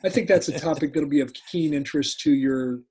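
A man in his sixties speaking conversationally as an interview guest and coach, deliberate and repeating key points. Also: on the high side, warm tone, slightly rough. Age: 60s. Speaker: podcast guest, dental practice coach.

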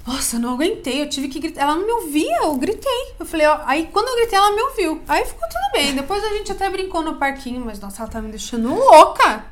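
A woman acting out a loud, bossy older aunt who shouts and scolds in a shrill, exasperated way. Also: expressive, fast, few pauses. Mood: exasperated complaining.

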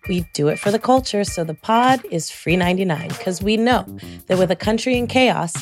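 A woman hosting a podcast in a casual, colloquial way, her voice husky after laryngitis. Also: medium pitch, moderate pace, soft background music. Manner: relaxed, colloquial, lists things in rhythmic runs. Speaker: podcast host.

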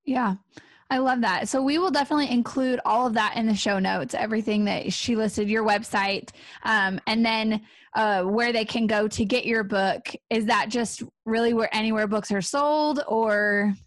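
A woman's voice: fairly high pitch, fairly even intonation, normal speed, no echo. A woman hosting a podcast, chatting enthusiastically with her guest. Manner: warm and enthusiastic. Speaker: podcast host. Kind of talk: casual interview chat.

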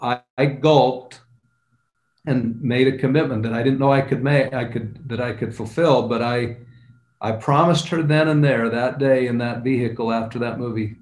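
Older man telling his story, roomy echo. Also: medium pitch. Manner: earnest, unhurried recollection. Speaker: guest entrepreneur. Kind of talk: personal storytelling.

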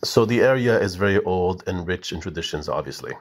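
A man's voice: low voice, expressive, a little fast. A man giving a matter-of-fact, informative explanation as a guest. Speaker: network member guest.

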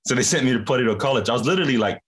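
A young man telling stories about his schooling as a podcast guest, relaxed and slangy, chuckling often. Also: medium pitch, racing, slightly rough. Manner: laid-back slangy chatter with frequent laughs. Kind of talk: casual storytelling.

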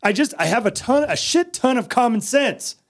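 A man's voice: very high voice, lively intonation, normal speed, dry recording, clean studio sound. An American man co-hosting a podcast, giving his opinions in a casual, emphatic way and repeating his points. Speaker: podcast host.

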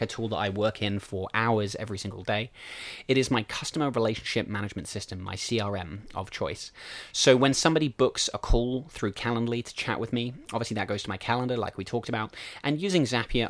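Low-voiced man hosting a solo podcast. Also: no room sound. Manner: casual, explains step by step with fillers. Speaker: podcast host.

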